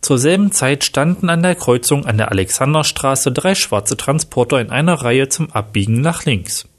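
A man narrates a crime story aloud in a steady, even voice. His pitch sits in the middle range and the telling stays plain and measured.

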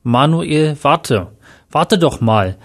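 A man's voice: on the high side, animated, very slow, a bit bright, full character voice. A man voicing a guilty, defensive father in a read-aloud story. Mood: tense. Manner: defensive, pleading.

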